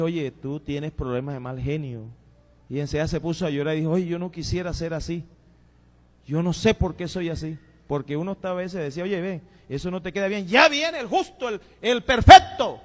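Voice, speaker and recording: A man preaching a sermon in a church, telling stories and acting out the voices of the people he quotes. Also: on the high side. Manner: storytelling, animated, acts out quoted voices. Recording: long reverb of a church hall.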